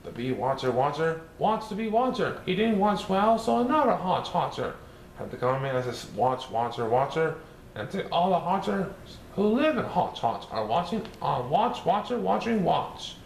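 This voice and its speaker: A man's voice: fairly high pitch, big pitch swings, moderate pace, gravelly. A man voicing a playful, mischievous male cartoon cat, reading a rhyming storybook in a sing-song, bouncy way. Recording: roomy echo, faint hiss.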